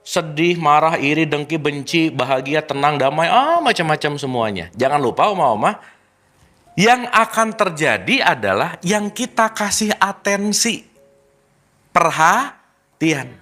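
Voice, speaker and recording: A man giving an informal spiritual talk to a group, lively and teasing, full of rhetorical questions. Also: fairly high pitch, a little slow. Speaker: spiritual teacher.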